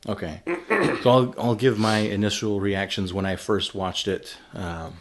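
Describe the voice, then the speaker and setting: Hosting a casual podcast about film, a man with a very deep, low voice talks a little slowly in a relaxed, loose manner, thinking aloud and using fillers as he goes.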